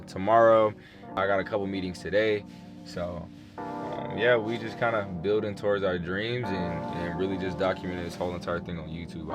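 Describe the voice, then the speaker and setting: A young man casually vlogging to camera in a laid-back, slangy way. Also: deep voice. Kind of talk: casual vlog talk to camera. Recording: background music throughout.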